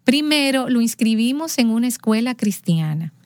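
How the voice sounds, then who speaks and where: A woman telling a personal story as an interview guest, lively, acting out the lines of people in her story. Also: a little high, normal speed, no echo, clean studio sound.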